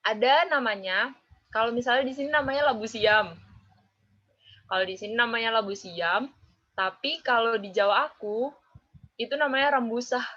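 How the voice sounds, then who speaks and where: A young Javanese woman in her twenties chats casually as an interviewee, her voice on the high side, pushed and bright. She talks in a drawn-out, chatty way, ending phrases with "gitu," and the lo-fi recording sounds dull.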